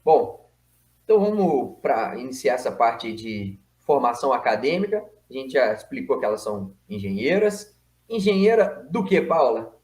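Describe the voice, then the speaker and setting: A man's voice: medium pitch, big pitch swings, moderate pace, a little mellow. A man hosting an interview, friendly and conversational, often adding tag questions. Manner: friendly, conversational, with many "né" tags. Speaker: interview host. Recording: echoey room.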